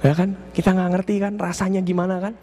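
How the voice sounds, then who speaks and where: A man's voice: high voice, fast talker, slight background noise. A male preacher tells a story in a sermon to a church congregation. He keeps addressing them as brothers and sisters. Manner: animated storytelling with acted quotes. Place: church service.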